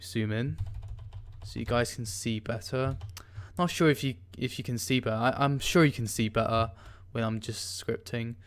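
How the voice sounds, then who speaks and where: At a moderate pace and with fairly even intonation, a man with a mid-range voice hosts a casual coding tutorial. He narrates his screen hesitantly as he types, with frequent ums and restarts.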